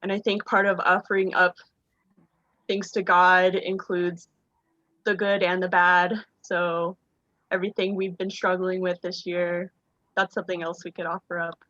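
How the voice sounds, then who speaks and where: A woman taking part in a video call, speaking calmly and thoughtfully. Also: fairly low pitch, a little slow, dry recording. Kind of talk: casual talk on a video call. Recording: dry, dull lo-fi sound.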